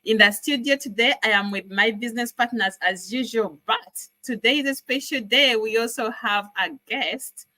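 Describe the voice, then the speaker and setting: A woman's voice: fairly high pitch, moderate pace, hardly any pauses, sharp tone, no echo, low-quality recording. A woman, hosting an online business livestream in an upbeat, welcoming way. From Uganda. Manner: upbeat, welcoming, lots of thank-yous. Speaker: host.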